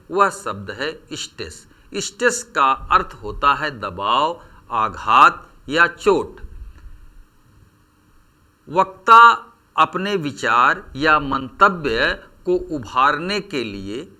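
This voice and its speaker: A man giving a grammar lesson, speaking very slowly and deliberately. His voice is bright and forceful, sitting a little high for a man. His pitch moves a great deal as he works through examples. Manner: slow, deliberate explanation with spoken examples. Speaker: Hindi teacher. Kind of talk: classroom lecture on grammar.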